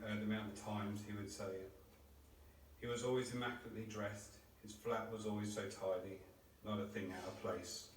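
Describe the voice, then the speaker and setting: A man reading a eulogy for his great uncle in a steady, heartfelt way. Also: fairly low pitch, a little hiss or hum. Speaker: relative giving a eulogy. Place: crematorium chapel. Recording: roomy chapel, distant mic.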